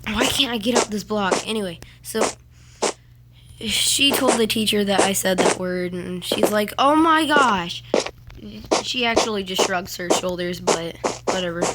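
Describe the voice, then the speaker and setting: A young person telling a rambling school story while playing a game, acting out other people's lines in bursts. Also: female voice, medium pitch. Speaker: gaming vlogger. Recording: noisy game capture with clicks.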